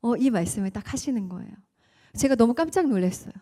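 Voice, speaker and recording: A woman's voice: a little high, animated, fast, warm tone. A woman giving a church testimony as a guest speaker, telling her story vividly, acting out dialogue and laughing often.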